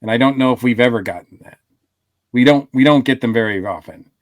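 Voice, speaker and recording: On a dry recording, a male podcast co-host talks fast in a mid-range voice during a casual discussion. He thinks aloud thoughtfully, hedging with lots of fillers.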